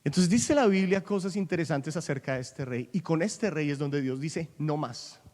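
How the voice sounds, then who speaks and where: A male pastor delivers an animated sermon in a somewhat high voice, now and then slipping into English and climbing to loud, emphatic peaks. His voice rings with the long reverb of a large church hall. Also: normal speed. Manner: animated preaching, switching between English and Spanish, rising to loud peaks.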